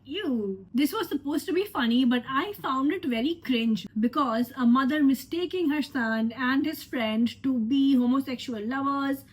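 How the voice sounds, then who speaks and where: A woman reviews a trailer in a casual, sarcastic way. Her voice is high and husky, stuffed up from a cold. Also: normal speed, hardly any pauses. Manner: opinionated, sarcastic. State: congested with a cold. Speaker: film reviewer.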